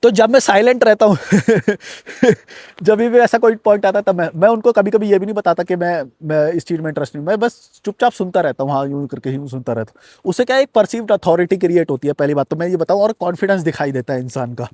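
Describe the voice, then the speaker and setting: Man, high pitch, rapid continuous talk to camera, direct address to viewer. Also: a little mellow, no room sound, studio quality. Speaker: self-help video host. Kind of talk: fast-paced motivational talk to camera. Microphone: recording to camera on a device.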